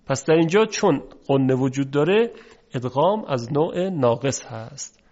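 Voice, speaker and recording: A man teaching Quran recitation rules, explaining patiently and drawing out the example words slowly. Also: mid-range voice, animated, a little mellow, lo-fi sound. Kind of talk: recorded lesson explanation.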